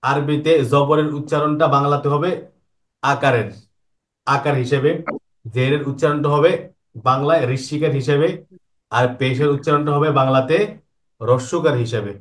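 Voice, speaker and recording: A man teaches an online Quran lesson. His pitch sits in an ordinary middle range. He poses questions and patiently answers them himself, going over each point slowly more than once. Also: fairly even intonation. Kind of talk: online lesson explaining Arabic vowel marks.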